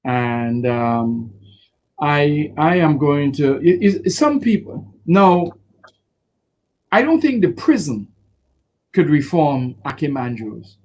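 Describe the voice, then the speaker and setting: A man, a defense lawyer answering in an interview, expressive and quick to act out what people said. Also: on the high side. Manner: expressive, acts out quotes with laughter.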